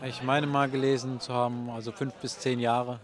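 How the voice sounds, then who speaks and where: A man's voice: medium pitch, flat delivery, moderate pace, some chatter behind. A man in his thirties from northern Germany, a developer, giving brief, hesitant answers outdoors. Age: 30s. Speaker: software developer. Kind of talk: casual interview answers. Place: outdoors at a summer party.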